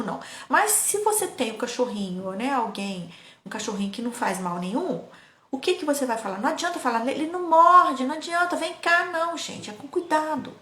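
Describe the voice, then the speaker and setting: Woman, parenting educator, casual storytelling, lively, echoey room. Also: mid-range voice. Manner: lively, keeps addressing the audience.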